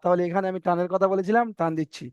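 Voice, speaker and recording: A man's voice: high-pitched, fairly even intonation, rapid-fire, a little mellow, smooth, dry recording. A man teaching Quran reading in an online class, patiently repeating rules and correcting his students. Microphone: video call. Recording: dull dry online call audio.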